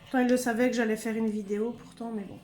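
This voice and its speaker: A woman's voice: a little high, flat delivery, quick pace, darkish tone, soft background music. A woman casually talking through a craft demonstration, muttering to herself as she searches for items. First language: French. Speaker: craft video host.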